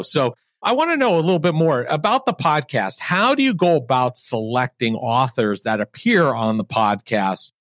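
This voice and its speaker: A man's voice: mid-range voice, dry recording, studio quality. A middle-aged man with an American accent, interviewing a guest as a podcast host in a conversational way.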